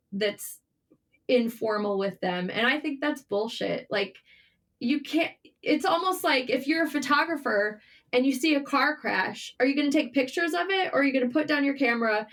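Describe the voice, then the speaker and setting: Her voice fairly high and a bit bright, a writer and journalist chats as an interview guest, relating anecdotes in a relaxed, frank way with the occasional mild curse word.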